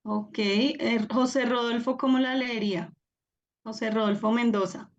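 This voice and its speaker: A woman's voice: a little high, fairly even intonation, a little slow, highs cut off. A woman teaching a live online class, encouraging and upbeat as she calls on students by name over a video call. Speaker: Biblical Greek teacher.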